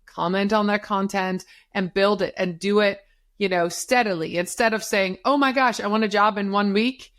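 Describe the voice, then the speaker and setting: A middle-aged woman who runs a social media business and whose first language is Dutch speaks English as a guest in an interview. She gives career advice in an emphatic, coaching way, repeating key phrases to drive them home. Her voice is at an ordinary pitch for a woman, steady in tone, a bit bright and at a moderate pace.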